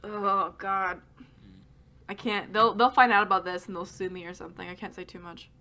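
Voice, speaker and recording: Bright-voiced woman podcaster from Florida. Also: mid-range voice, steady tone, normal speed. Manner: loose, profane, laughing storyteller. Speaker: podcast co-host. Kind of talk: casual chat.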